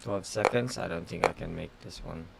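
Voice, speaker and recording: A Tagalog-speaking chess grandmaster streams blitz games, commenting casually in short, halting phrases packed with fillers as he thinks aloud. His male voice is deep and gravelly, and the recording is very noisy.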